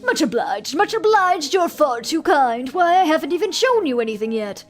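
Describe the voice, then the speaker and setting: A woman acts out a flamboyant male clown ringmaster from a video game. The voice is pitched up and theatrical, announcing everything with a showman's grand flourish. Faint music plays behind. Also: big pitch swings, moderate pace. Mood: pleased, boastful. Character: flamboyant male circus clown ringmaster, showy knife-thrower. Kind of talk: video game read-aloud voice acting.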